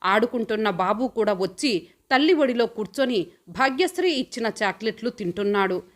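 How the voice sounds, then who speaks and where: A woman narrating an audio story in a steady, expressive storytelling manner. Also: fairly high pitch, normal speed.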